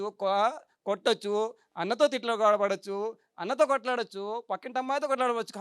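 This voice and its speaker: A man's voice: extremely high pitch, no echo, studio quality. A man giving a motivational meditation talk, who keeps asking the audience for agreement and mocks everyday complaints. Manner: lively, repetitive, mocking tone. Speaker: meditation speaker.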